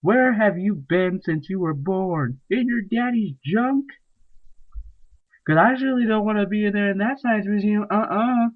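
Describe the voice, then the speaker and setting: A man's voice: high-pitched, unhurried. A man telling comic stories as a profane, mocking rant. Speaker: storyteller. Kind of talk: comedic ranting monologue. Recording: tinny phone-like recording.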